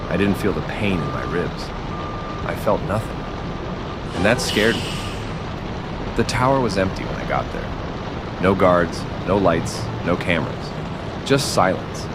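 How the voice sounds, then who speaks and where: A man narrating a bedtime story as a brooding, haunted masked superhero, slow, serious and somber. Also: sits low, very noisy. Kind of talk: scripted first-person bedtime story narration. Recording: steady rain and city ambience behind.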